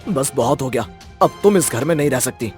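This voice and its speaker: A woman's voice: extremely low pitch, animated, brisk, a little mellow, soft background music. A woman voicing an impatient, dismissive young husband in a cartoon story, who speaks curtly. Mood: angry. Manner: curt, impatient.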